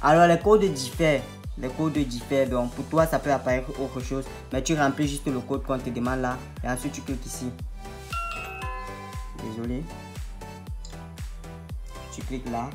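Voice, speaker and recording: Guy walking you through a screen tutorial, patient, repeats stuff, some soft music behind. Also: mid-range voice, steady tone, moderate pace, pauses often. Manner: patient, explanatory, repeats and rephrases steps. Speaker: online tutorial host. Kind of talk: screen-recorded step-by-step tutorial. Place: at his computer, voice-over of a screen recording.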